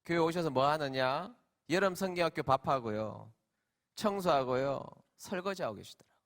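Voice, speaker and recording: A middle-aged man, a senior pastor, preaching a sermon as emotional storytelling that swings from loud, stretched emphasis to hushed quiet. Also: fairly high pitch, expressive, moderate pace.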